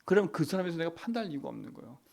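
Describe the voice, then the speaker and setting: A man's voice: high voice, lively intonation, rapid-fire, vocal fry, darkish tone. A middle-aged male pastor preaching at a dawn prayer service, emphatic, with rhetorical tag questions and whispered prayers.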